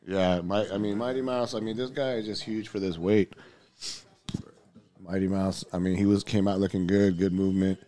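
A man's voice: low-pitched, steady tone, moderate pace, mellow. A man co-hosting a casual podcast, talking loosely about a fight with slang and rambling asides. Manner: laid-back, rambling, slangy. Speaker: podcast co-host. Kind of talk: casual fight commentary chat. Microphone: headphones and podcast mic.

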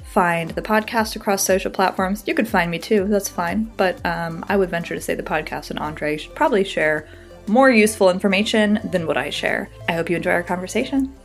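Soft music sits under a fairly low, fairly quick female voice. She's a podcast host at home in Brooklyn, doing ad reads and upbeat, casual conversation with a guest.

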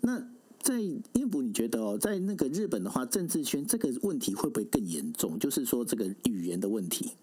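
A man's voice: mid-range voice, very animated, a little fast, mellow. A man with a Taiwanese Mandarin accent hosting a conversational political interview, explaining at length and checking for agreement. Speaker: interviewer, host.

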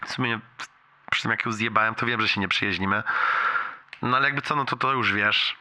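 Bright-voiced man leaving a rambling voicemail. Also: fairly low pitch, fairly quick. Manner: leaving a voice message to a friend, confiding, slangy. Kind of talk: casual rambling personal voicemail.

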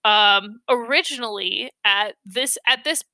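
Slow, bright-voiced woman podcaster. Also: mid-range voice, no echo. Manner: frequent ums and uhs, offhand asides; blunt, swears casually. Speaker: podcast host. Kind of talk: casual true-crime storytelling.

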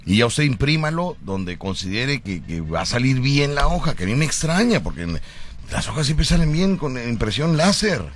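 A man's voice: mid-range voice, big pitch swings, moderate pace, faint music behind. A man hosting a live radio comedy show, laughing and playful. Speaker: radio host.

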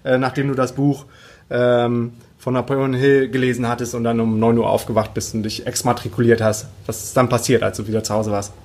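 Excited male host dropping English buzzwords. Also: medium pitch, a little fast. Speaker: podcast host. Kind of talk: casual interview chat.

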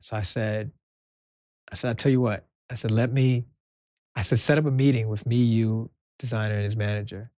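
A soft-spoken man from Brooklyn tells a long story in a sit-down interview. His voice sits a little low, and it is recorded close and dry with no room around it. He keeps acting out the other people's lines as he quotes them. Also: fairly even intonation, normal speed, no echo. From Brooklyn, New York. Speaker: music executive guest.

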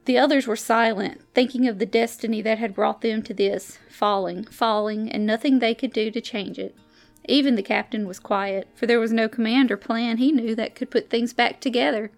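A woman on the library staff reading a science fiction short story aloud, giving the characters lively voices in the dialogue. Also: a little high, moderate pace, faint music behind.

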